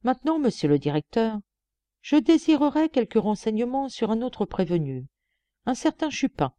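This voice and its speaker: A woman's voice: a little high, sing-song, dark tone, dry recording, pitched above the performer's own voice. A woman voicing a stern, formal judge. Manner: measured, severe questioning.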